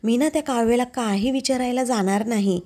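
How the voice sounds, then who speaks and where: A quick-tempered middle-aged mother bristles and questions sharply, as a woman voices her while retelling. The voice is fairly high yet mellow. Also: lightly acted. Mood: indignant. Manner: sharp, indignant.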